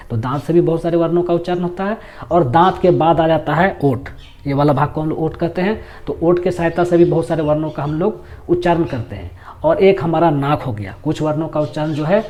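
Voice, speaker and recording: A man teaching grammar in a slightly raised, mellow voice. He explains patiently, repeating each term and asking questions only to answer them himself. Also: high-pitched. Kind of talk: grammar lesson.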